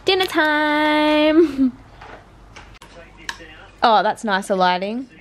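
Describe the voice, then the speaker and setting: Drawing out her words in a high, lively voice, a sprinter in her twenties vlogs casually with plenty of Australian slang. She holds the camera at arm's length in a small motel room, occasionally just outside it, and the handheld audio catches background noise.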